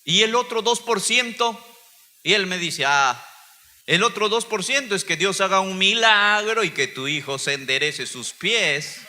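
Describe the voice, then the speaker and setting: A man's voice: high voice, unhurried, pushed and bright, long reverb tail. A man, a pastor, giving an impassioned sermon testimony, his voice swelling and dropping.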